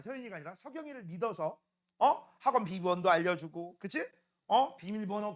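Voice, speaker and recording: A male science teacher giving a casual classroom lecture, checking in with students constantly and acting out little scenes in playful voices. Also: very high voice. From South Korea. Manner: acts out scenes in playful voices, shouts at times.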